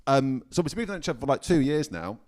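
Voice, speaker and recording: A man's voice: medium pitch, big pitch swings, quick pace, darkish tone. A man in his thirties hosting a music podcast, jokey and matey, who swears freely. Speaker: podcast host. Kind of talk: casual chat.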